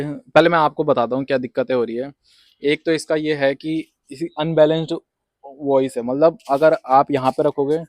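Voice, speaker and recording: A man's voice: mid-range voice, darkish tone, no echo. A young man in a casual unboxing vlog, rambling and repeating himself as he reviews a wireless clip-on mic, mixing English words into his talk. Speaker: vlogger reviewing a microphone. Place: rooftop outdoors and indoors. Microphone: wireless clip-on mic and phone mic.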